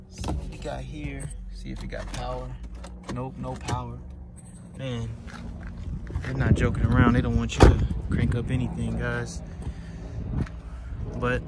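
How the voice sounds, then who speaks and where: A man giving a loose, chatty walkaround of cars at an outdoor auction lot, talking straight to his viewers as he climbs in and out of cars. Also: mid-range voice. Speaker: vlogger touring a car auction lot. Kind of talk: casual walkaround commentary.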